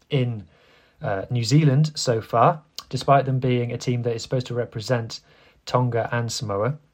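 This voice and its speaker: A man presents a casual sports news podcast on his own. His voice sits at a medium pitch and he talks in an informal, chatty manner, with a self-deprecating streak as host. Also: a little mellow.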